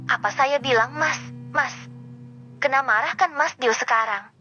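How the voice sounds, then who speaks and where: A jokey, fatherly older office worker who teases his younger coworker, played by a woman narrator. Her pitch sits a little high. The sound is dull and lo-fi, with a guitar behind. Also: measured pace. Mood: teasing. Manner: teasing, friendly.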